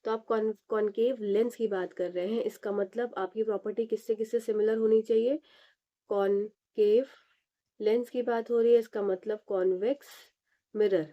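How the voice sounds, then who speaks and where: A woman teaching an exam prep lesson. She reads each English question slowly, then explains it in Hindi with rhetorical questions. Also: mid-range voice, fairly even intonation, highs cut off.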